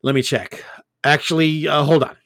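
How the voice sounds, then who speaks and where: A man's voice: on the high side, steady tone, normal speed, a bit bright, no room sound, studio quality. A man voicing an easygoing young library desk worker who talks casually. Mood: offhand.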